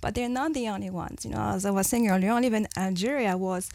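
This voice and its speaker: A woman's voice: medium pitch, quick pace, vocal fry, a little mellow, no room sound. Reflective woman with dry close sound. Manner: reflective, laughs lightly between points. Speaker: panel guest. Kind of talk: conversational discussion.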